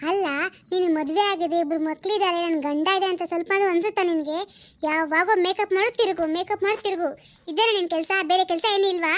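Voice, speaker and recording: A woman voicing a sharp-tongued, nagging mother who scolds her grown daughters in a cartoon family drama. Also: extremely high pitch, fast, no room sound. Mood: scolding.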